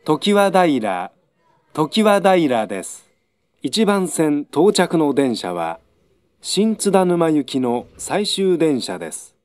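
A man giving a formal train station announcement in measured set phrases. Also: fairly high pitch, big pitch swings, darkish tone, no room sound, studio quality. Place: station platform public address system.

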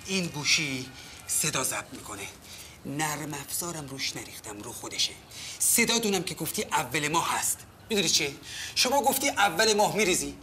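An actor playing a pushy, smooth-talking male building manager who keeps pressing a tenant for money with insistent, coaxing talk. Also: on the high side, sharp tone, a little hiss or hum. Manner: wheedling, insistent, calls others "dear". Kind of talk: Persian TV comedy series acting.

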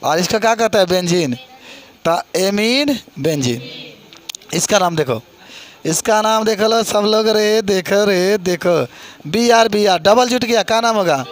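High-pitched middle-aged guy teaching chem in a classroom, eastern up accent, keeps asking the class and echoing answers. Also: measured pace. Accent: eastern Uttar Pradesh Hindi. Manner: quizzes students, repeats answers, encouraging. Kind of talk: classroom chemistry lesson. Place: classroom with students.

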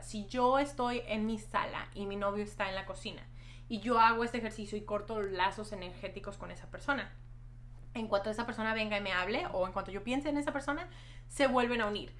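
A woman's voice: fairly high pitch, fairly bright tone. A young woman chatting casually to camera as a vlog host, explaining things emphatically and repeating words for stress. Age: young adult. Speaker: YouTube host and hypnotherapist. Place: small decorated room at home, indoors.

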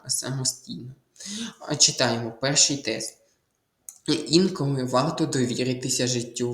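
Male language tutor, mid pitch, methodical explainer, echoey room. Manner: methodical, repeats key answers. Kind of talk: exam walkthrough lesson.

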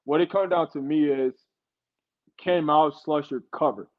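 A man's voice: fairly high pitch, moderate pace, highs cut off. A man giving football analysis as a guest on a sports talk show, explaining insistently and repeating himself to drive his point home.

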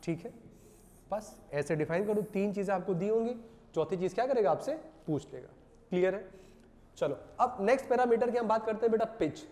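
A male physics teacher lectures a class, asking rhetorical questions and then answering them himself. His voice is mellow and dark. It rings with a long reverb, as if in a large hall. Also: high voice, lively intonation, brisk. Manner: asks rhetorical questions and repeats answers, calls students "beta".

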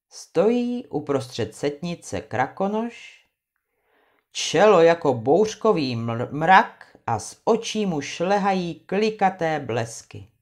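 Woman narrator for a fairy-tale reading, low-pitched but very animated. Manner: lively, expressive reading. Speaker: storyteller.

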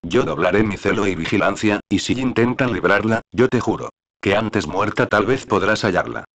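A man reading the part of a loyal castle warden in a play, in a steady voice. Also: fairly low pitch, normal speed. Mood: dutiful.

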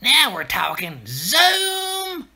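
A woman voicing a male sidekick character with a drawn-out, grandly emphatic delivery, trading playful storytime banter. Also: sits high, wildly swooping pitch, bright, forceful tone, soft background music, voice pushed up, heavily acted. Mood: hammy.

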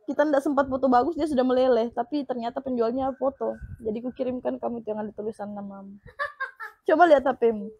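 A young woman hosting an online shop live stream, pitching a product in upbeat, repetitive patter full of pet names for her viewers. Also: fast, dark tone, slightly rough, muffled recording.

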